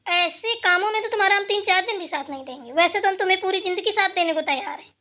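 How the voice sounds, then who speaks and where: A woman voicing a sharp-tongued, scolding old mother-in-law in a cartoon, taunting and sarcastic. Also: very high voice, fast talker. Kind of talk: cartoon voice acting.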